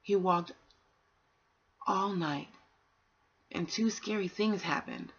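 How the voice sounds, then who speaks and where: This bedtime story host has a voice on the low side and reads at a slow pace. The dull, lo-fi home recording carries a little hiss or hum, and she speaks to children in a nurturing, encouraging manner.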